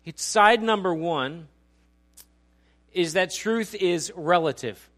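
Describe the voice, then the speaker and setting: A pastor in his forties preaches in a church auditorium, keeping things conversational, joking, and quizzing the congregation. His voice sits high with a fairly bright tone, and he speaks slowly.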